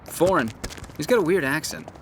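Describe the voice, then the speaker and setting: Slightly high, lively young jock. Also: male voice, moderate pace. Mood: casual, eager. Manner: slangy, colloquial. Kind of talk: casual video game dialogue. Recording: clear outdoor background noise.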